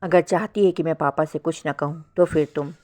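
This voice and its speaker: Brief: woman narrator playing a worried middle-aged mother in a spoken story, anxious and tender, low voice. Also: steady tone, a little fast, darkish tone, natural voice. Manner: anxious, coaxing.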